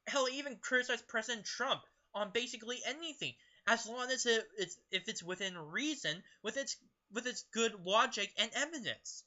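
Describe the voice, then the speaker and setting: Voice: mid-range voice, moderate pace, bright, forceful tone, highs cut off. A young adult political vlogger who reads passages from a book aloud and comments on them in an opinionated, emphatic way, often stumbling over words.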